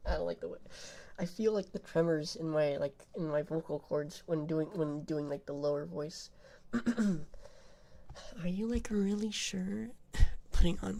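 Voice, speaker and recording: A man's voice: a little high, creaky, dark tone. A man doing a bratty Valley Girl in whispered role-play. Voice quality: mocking, taunting, drawn-out "like". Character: bratty sassy young Valley Girl gyaru.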